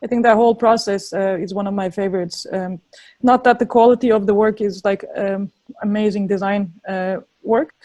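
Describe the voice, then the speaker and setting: A woman with a Turkish accent answering interview questions in a thoughtful, halting way, often searching for words. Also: medium pitch, steady tone, warm tone, no echo. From Turkey. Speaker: interviewed urban designer.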